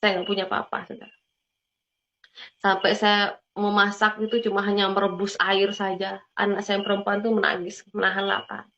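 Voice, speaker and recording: A woman's voice: mid-range voice, little pitch movement, normal speed, a bit bright. A woman gives an emotional personal testimony. She tells her story earnestly and often turns to her listeners as brothers and sisters. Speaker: testimony speaker. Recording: dull lo-fi recording.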